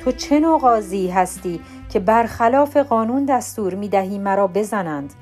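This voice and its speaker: A woman reading the lines of the apostle Paul, a steadfast and outspoken man on trial, in an earnest, measured way. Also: mid-range voice, expressive, darkish tone, faint music behind, lightly acted.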